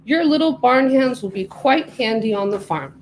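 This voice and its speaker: A woman voicing a friendly female dairy cow in a storybook reading, with drawn-out moos. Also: on the high side, lively intonation, a little hiss or hum, lightly acted. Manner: mooing, welcoming.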